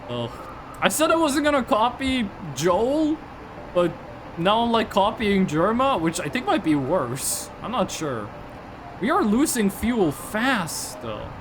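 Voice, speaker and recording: Joking, animated live game streamer. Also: mid-range voice, noisy background. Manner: joking, talks to chat, swears casually. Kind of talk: casual live gaming commentary.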